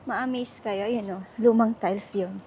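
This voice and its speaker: Strolling through the city, a young woman records a casual travel vlog, mixing Tagalog with English and laughing frequently. She has a mellow, medium-pitched voice with fairly even intonation and a measured pace, and there's a little hiss or hum.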